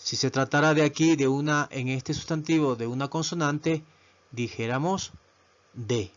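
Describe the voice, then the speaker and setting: A man teaching a video lesson who talks slowly and patiently, repeating words and often checking in with his listeners. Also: on the high side, fairly even intonation, highs cut off. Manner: slow, repetitive, asks "¿verdad?" often. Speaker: English teacher.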